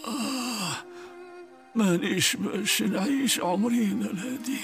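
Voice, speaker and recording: A man's voice: high voice, measured pace, fairly bright tone, faint music behind. An actor with a southern Tunisian accent playing a frail, dying old father who sighs and weeps as he gives his sons last advice. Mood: frail, tearful. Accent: southern Tunisian Arabic. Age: older. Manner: weak, sighing, tearful. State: crying. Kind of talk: radio drama acting.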